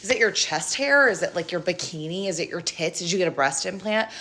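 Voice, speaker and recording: A woman's voice: lowish voice, expressive, brisk, sharp tone. A woman reading tarot cards to her viewers in a casual rant, blunt, profane and sarcastic as she scolds them. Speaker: tarot reader.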